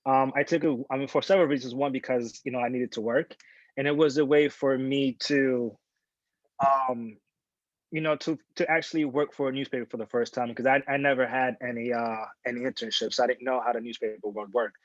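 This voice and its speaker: Man in his 40s, photojournalist, candid panel talk, average pitch, muffled dry video-call audio. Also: a little fast, dry recording. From born in Dominican Republic, grew up in New York. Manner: relaxed and candid, with many fillers and restarts. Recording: dull lo-fi sound, dry.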